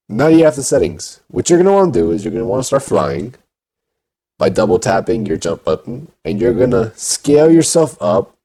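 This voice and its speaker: A man's voice: fairly low pitch, warm tone, breathy edge. A man talking through a voice changer, giving a casual step-by-step game tutorial. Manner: plain instructing with filler "you know".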